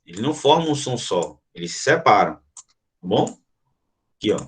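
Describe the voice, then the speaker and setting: A Brazilian man with a Brazilian Portuguese accent teaches an online grammar lesson, walking through it step by step and putting questions to the class. His voice sits on the low side and has a sing-song quality, at a normal speed.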